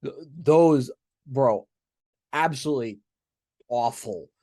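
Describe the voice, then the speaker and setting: Man, mid-pitch, chatty podcast co-host, enthusiastic with restarts. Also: takes it slowly, warm tone. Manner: enthusiastic, many restarts and "right?" asides. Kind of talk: casual podcast discussion.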